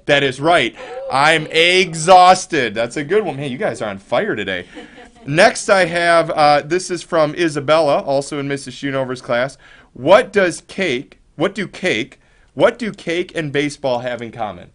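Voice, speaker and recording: A man's voice: on the high side, expressive, moderate pace, fairly bright tone. A man hosting casual, upbeat school morning announcements in an encouraging, chatty, jokey way.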